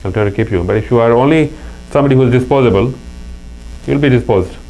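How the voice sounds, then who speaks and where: A middle-aged Pakistani man with a Pakistani accent speaks as an interview guest in a casual, earnest chat, telling anecdotes and often restarting his sentences. His mid-range voice has a dark tone and a quick pace. The audio is poor, with a faint mains hum.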